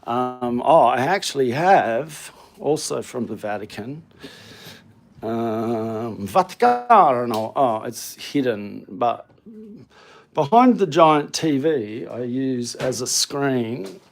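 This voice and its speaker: In a slow, gravelly, expressive mid-range voice, a vlogger rambles hesitantly and self-deprecatingly while touring viewers around his home. The walk covers his hallway and studio room.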